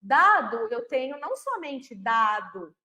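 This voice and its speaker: A woman's voice: sits high, expressive, a little slow, fairly bright tone. A woman with a Brazilian Portuguese accent giving an online lesson to teachers, explaining step by step and answering her own questions. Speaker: literacy teacher trainer. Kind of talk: online lesson on phonological awareness.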